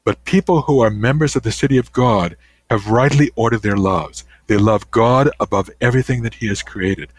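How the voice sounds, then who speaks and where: Speaking with no echo around him, an older male author answers an interviewer's questions at medium pitch. He's thoughtful yet halting, frequently starting over.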